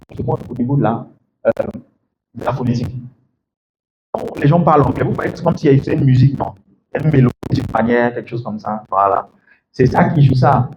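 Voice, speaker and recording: A man coaching a class on English pronunciation in French, animated and acting out example phrases. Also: medium pitch. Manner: animated, acts out example phrases, laughs often. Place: classroom or lecture hall. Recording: echoey room, dull lo-fi sound, faint noise.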